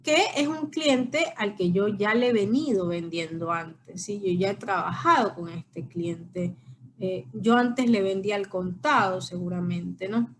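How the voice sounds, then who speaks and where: In a recorded lecture, a woman explains things step by step and keeps checking in with her students. Her medium-pitched voice moves a little slowly, with a faint hiss or hum in the background.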